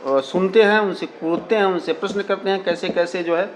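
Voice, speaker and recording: A high-voiced man representing a community radio station answers interview questions at a fairly quick clip with fairly even intonation. He explains things repetitively, mixing English words and fillers into his Hindi. The audio is poor, with a little hiss or hum.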